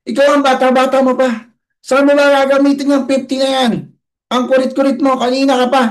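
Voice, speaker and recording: A man's voice: very high voice, completely flat delivery, a little fast, pitched above the performer's own voice. A man voicing a busy, impatient father who curtly scolds his young son. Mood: angry. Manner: curt and scolding.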